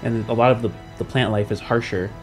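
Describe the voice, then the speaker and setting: This game master hosts a podcast, speaking at a quick pace in a mid-range voice with a steady tone. He talks about world building in a casual, halting way, thinking things through aloud, over background music.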